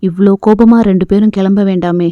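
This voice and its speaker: A woman voicing a proud, sharp-tongued young woman in an audio novel. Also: mid-range voice, steady tone, a little fast, no room sound, natural voice. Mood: pleading. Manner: pleading, then irritated and sarcastic. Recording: dull lo-fi dry recording.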